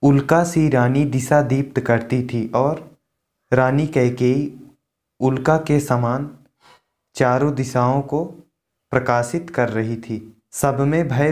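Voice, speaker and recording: A man's voice: medium pitch, a little mellow. A male teacher giving a lesson that reads a line of poetry and then explains it in simple words. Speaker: Hindi literature teacher.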